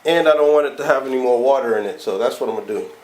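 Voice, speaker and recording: A man with a stuffed-up nose from being sick, hosting a casual do-it-yourself car vlog. He talks in a slow, low-energy way and wings it as he goes. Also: darkish tone, slight background noise, low-quality recording. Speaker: car channel host.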